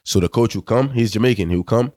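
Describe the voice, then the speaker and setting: Young guy w a west african accent, super low voice, slangy and laid back, dry close mic. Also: fast talker, darkish tone, no room sound. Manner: laid-back, slangy, says "bro" and "you know what I'm saying" constantly. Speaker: pro soccer player, guest. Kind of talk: casual podcast chat.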